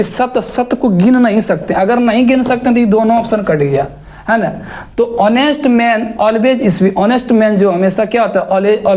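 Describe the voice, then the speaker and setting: A teacher walks through exercises one example at a time, repeating each point and posing rhetorical questions to the class. Example sentences are read out slowly and deliberately. The voice sits at an ordinary middle pitch. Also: a little mellow. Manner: repetitive, step-by-step, asks rhetorical questions. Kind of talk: classroom-style grammar explanation.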